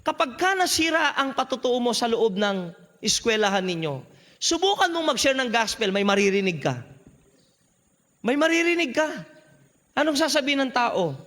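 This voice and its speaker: A man's voice: very high voice, very animated, brisk, bright, forceful tone. A man preaching a sermon at a youth camp, emphatic and often firing rhetorical questions at his listeners. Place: large hall at a church youth camp. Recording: long reverb of a large hall.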